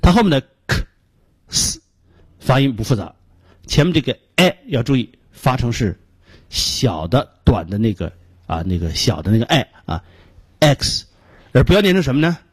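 Husky man teaching pronunciation on radio. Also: mid-range voice, sing-song, dry recording. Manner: patient, explains step by step, repeats sounds slowly to demonstrate.

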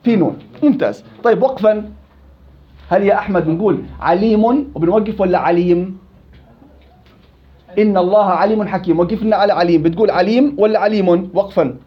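A fast-talking man with a Levantine Arabic accent leads a recitation class, firing questions at his students and repeating each word to drill it. His voice sits high, and the recording sounds dull and lo-fi. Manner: quizzes students, repeats words to drill them. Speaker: Quran recitation teacher. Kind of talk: interactive tajweed lesson.

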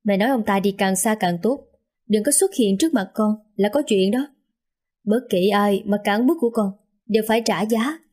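A man's voice: high voice, moderate pace, darkish tone. A woman voicing a hot-tempered young man who speaks curtly and threateningly to his mother. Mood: angry. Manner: curt, demanding and threatening.

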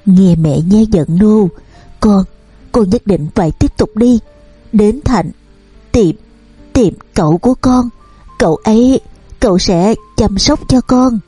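Storybook reading: a dying mother, halting and husky, read by a woman. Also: medium pitch, warm tone, dry recording, soft background music. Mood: urgent. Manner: halting, broken words. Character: dying mother, weak and faltering.

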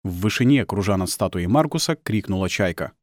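A man narrating an audiobook in an expressive, lively reading. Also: deep voice, brisk, no room sound, clean studio sound. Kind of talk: scripted narration.

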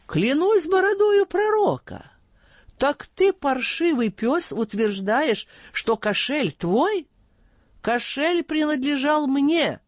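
A reader voicing an older grand vizier who exclaims in loud mock indignation in an audiobook. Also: mid-range voice, no echo, muffled recording, close to an everyday voice.

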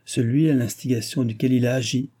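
A man's voice: mid-range voice, steady tone, brisk, mellow, close to an everyday voice. A man voicing a French royal favourite, a countess who talks in an imperious, defiant way. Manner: haughty and emphatic.

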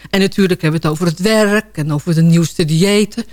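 A woman's voice: lowish voice, a little fast, darkish tone, no room sound. A woman delivering a comic radio column in a sardonic, chatty storytelling manner.

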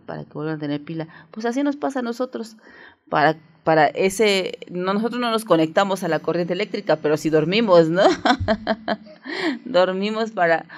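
Playful Mexican woman hosting kids' radio. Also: on the low side. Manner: playful, coaxing, keeps asking listeners "right?". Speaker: children's radio show host. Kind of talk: friendly radio talk for children.

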